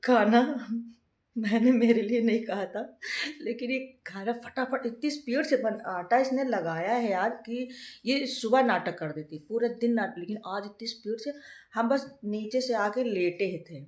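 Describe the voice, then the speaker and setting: A woman's voice: on the high side, moderate pace, darkish tone, reverberant. A woman who is a mother and vlogger, chatting casually at home while unwell with a fever. She tells a long story and often breaks into laughter. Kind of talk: casual home vlog chat.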